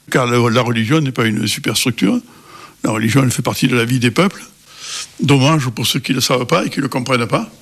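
Male guest expert, middle-aged, emphatic and lively, interview. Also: mid-range voice, slightly rough. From Cévennes, France.

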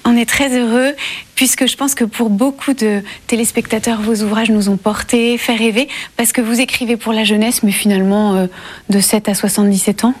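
Woman, television host, interviewer, welcoming, slightly high voice. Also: fairly even intonation, moderate pace.

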